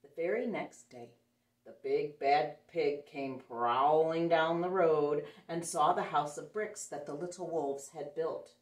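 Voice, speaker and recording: Woman, storybook reader, sing-song, animated, low voice, roomy, a bit off-mic. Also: unhurried. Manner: sing-song, playful, expressive. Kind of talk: reading a picture book aloud to children. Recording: echoey room, mic some distance away.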